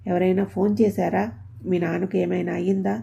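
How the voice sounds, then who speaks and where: A woman reading the lines of a flustered, balding middle-aged husband who fires off anxious questions, husky and dull. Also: on the low side, level tone, warm tone, heavily acted. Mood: alarmed. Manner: rapid-fire anxious questions.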